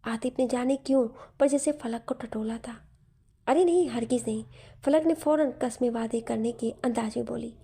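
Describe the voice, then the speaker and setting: Woman storyteller, high pitch, husky, mellow, steady expressive reading. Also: normal speed, hardly any pauses. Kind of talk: storybook narration.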